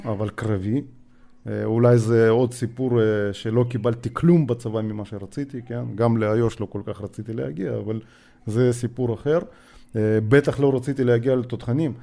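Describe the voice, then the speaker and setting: Warm-voiced man with a Russian accent. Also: medium pitch. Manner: hesitant, halting, many filler sounds. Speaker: podcast guest. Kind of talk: personal storytelling.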